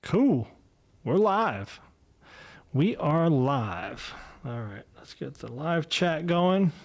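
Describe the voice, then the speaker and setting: A podcast host in his fifties speaks extremely slowly in a fairly high, very animated voice on a casual solo livestream. He rambles and puts himself down, full of fillers and restarts, talking into a desk mic without headphones.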